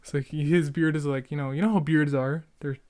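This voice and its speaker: Reminiscing on his solo podcast, this Canadian host, a late-teen or young-adult man, rambles, cuts himself off, and drops youthful slang as he chats casually. He speaks fairly quickly in a fairly high, a little mellow voice with fairly even intonation. It's a dry, studio-quality recording.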